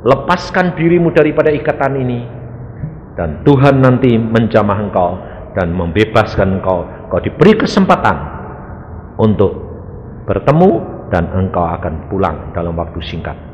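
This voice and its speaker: A man preaching a sermon, telling stories and acting out the people in them with sudden shouts. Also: fairly low pitch, normal speed, dull audio. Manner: animated, acts out quoted voices, sudden shouts. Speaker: evangelist preacher. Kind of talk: sermon with storytelling. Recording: echoey hall with faint noise.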